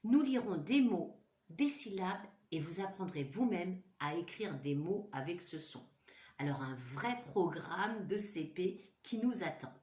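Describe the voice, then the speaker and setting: A woman's voice: lowish voice, animated, measured pace, darkish tone. A woman teacher giving a home-school lesson to young children, patiently repeating sounds and words for them to echo. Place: home room. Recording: echoey room.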